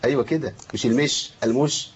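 A man with an Egyptian Arabic accent teaching Quran recitation rules. He chants verses slowly to demonstrate them and quizzes his students as he goes. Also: medium pitch, a little hiss or hum. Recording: dull lo-fi recording.

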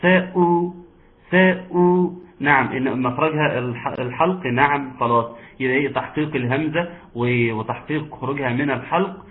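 Egyptian male tajweed teacher, patient, models sounds slowly, mid-pitched, thin phone-like audio. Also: fairly even intonation. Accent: Egyptian Arabic. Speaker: Quran recitation teacher. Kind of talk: online tajweed lesson. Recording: tinny phone-like line.

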